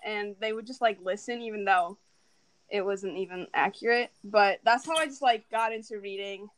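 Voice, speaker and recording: A woman's voice: mid-range voice, moderate pace, no room sound, rough recording. A young woman from Turkey, a native Turkish speaker, chatting casually as a podcast co-host, full of "like" and easy laughter. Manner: chatty, many fillers, laughs easily. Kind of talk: casual chat.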